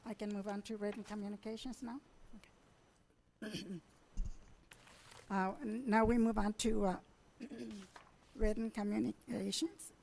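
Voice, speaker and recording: Woman mayor, hoarse, chairing a meeting. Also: medium pitch, steady tone, darkish tone, a little hiss or hum, rough recording. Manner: halting, with fillers and throat clearing. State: losing her voice.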